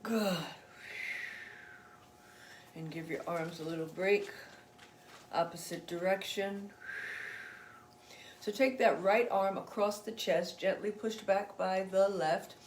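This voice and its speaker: Roomy-sounding woman guiding gentle yoga. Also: medium pitch, fairly even intonation, takes it slowly, pauses often, slight background noise. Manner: chatty and encouraging, with laughs between cues. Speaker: yoga instructor. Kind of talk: guided gentle yoga instruction.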